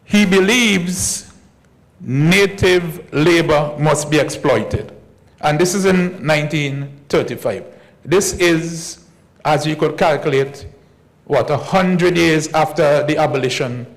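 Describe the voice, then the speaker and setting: A man lectures as a historian at a conference. His voice sits a touch high, with a gravelly edge. He speaks in a measured way and repeats key points slowly. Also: low-quality recording. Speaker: historian giving a conference talk. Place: conference hall.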